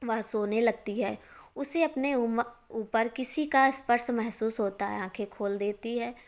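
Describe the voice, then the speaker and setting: A woman narrating a moral story in a steady, expressive storytelling manner. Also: a little high, unhurried.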